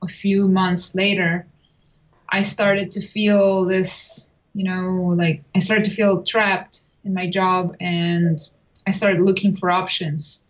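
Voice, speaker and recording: A woman's voice: on the low side, flat delivery, slow, dull audio. Chatty woman. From Chile. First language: Spanish. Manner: chatty, with frequent restarts and small laughs. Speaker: guest. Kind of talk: casual interview.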